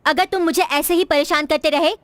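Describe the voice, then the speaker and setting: A woman dubbing a sharp-tongued young woman in a drama, who snaps back at people. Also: high voice, fairly even intonation, a little fast, dry recording, close to an everyday voice. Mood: defiant. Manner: sharp, scolding. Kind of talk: dubbed drama acting.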